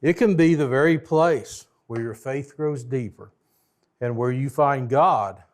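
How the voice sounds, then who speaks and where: A man's voice: mid-range voice, unhurried. A man preaching a storytelling sermon in a folksy way, with joking asides.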